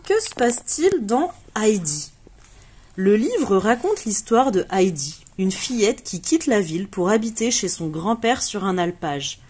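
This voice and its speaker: Husky woman reading a children's storybook. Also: medium pitch, unhurried. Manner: lively, puts on bright voices for the children in the story. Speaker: reader of a children's book.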